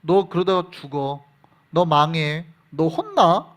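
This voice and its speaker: A man's voice: a little high, big pitch swings, slow, voice pushed down. A man voicing a stern, scolding divine figure who gives blunt warnings in a sermon.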